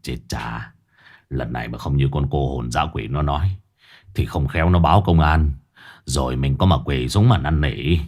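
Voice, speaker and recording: Brief: storyteller as a hulking tattooed exorcist, very low, gruff, menacing, audio ghost story. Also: male voice, sing-song, brisk, long pauses, fairly bright tone, exaggerated voice. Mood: muttering. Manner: gruff, threatening. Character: big tattooed middle-aged male exorcist, gruff.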